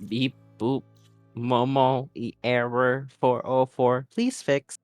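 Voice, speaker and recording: A man's voice: mid-range voice, little pitch movement, takes it slowly, dry recording, soft background music, pitched above the performer's own voice, lightly acted. A man doing a glitching robot voice. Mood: glitchy. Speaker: streamer. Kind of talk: casual stream banter.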